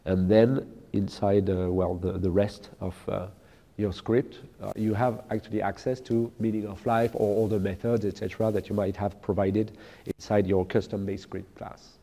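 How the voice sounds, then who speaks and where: A man giving a technical keynote talk at a conference, speaking haltingly with many fillers and restarts. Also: lowish voice, level tone, creaky, mellow. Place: large lecture hall with audience. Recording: echoey large hall.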